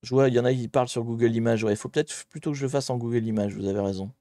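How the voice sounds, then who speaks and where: A man's voice: mid-range voice, steady tone, racing, warm tone, no echo, studio quality. Chatty man streaming a map puzzle. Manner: chatty, talks to chat while searching maps, mildly exasperated. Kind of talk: live-streamed geography puzzle commentary.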